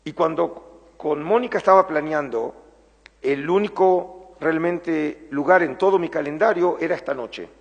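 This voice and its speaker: A middle-aged Argentine man, a museum curator whose first language is Spanish, gives a public lecture in a large former synagogue hall with long reverb. His fairly high, husky voice carries an Argentine Spanish accent, sounding earnest and measured as he slows down and stretches key words for emphasis. The audio is dull.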